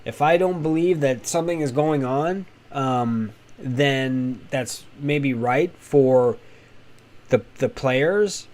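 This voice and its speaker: A man's voice: mid-range voice, slow pace, darkish tone. A man hosting a casual live stream, talking candidly and with strong opinions to his chat, rambling with frequent restarts. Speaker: host of a crypto live stream.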